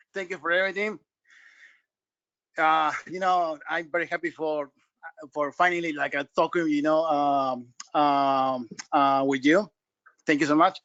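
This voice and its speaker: A man's voice: a little high, fairly bright tone, no echo, lo-fi sound. Eager Peruvian-born man calling in. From Peru. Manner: eager, halting, many fillers. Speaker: caller.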